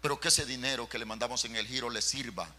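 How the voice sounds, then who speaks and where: A man's voice: medium pitch, fast talker, pushed and bright. A man, a pastor telling a personal story in a fervent, dramatic sermon, calling his listeners brother.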